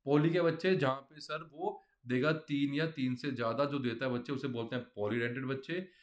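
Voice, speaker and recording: A man's voice: medium pitch, fairly even intonation, a little fast. A man teaching a chemistry class, explaining step by step and often quizzing his students. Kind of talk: classroom lecture.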